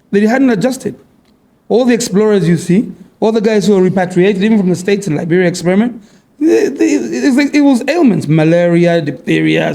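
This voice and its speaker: A man's voice: high voice, gravelly, warm tone. A middle-aged man, a guest comedian, joking and laughing often in casual podcast banter.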